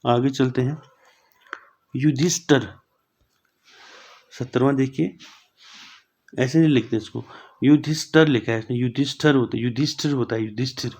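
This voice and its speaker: A young man teaching a spelling lesson for exam preparation, repeating each word and closing points with a quick "okay". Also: medium pitch, darkish tone. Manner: repeats words slowly, ends points with "thik hai".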